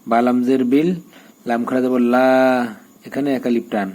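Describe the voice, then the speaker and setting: A man teaching the spelling of the Quran, drilling letters and vowel marks and then chanting each verse slowly. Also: mid-range voice, steady tone, mellow. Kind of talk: spelling lesson in Quran recitation.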